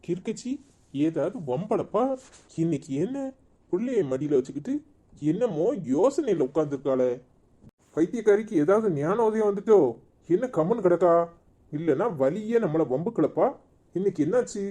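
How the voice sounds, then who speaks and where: A man's voice: sits high, expressive, moderate pace, pauses often, warm tone. A man voicing a scolding village husband torn between two wives, with a Tirunelveli Tamil accent. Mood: puzzled. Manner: scolding, name-calling. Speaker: voice actor in a cartoon comedy. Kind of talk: village cartoon drama.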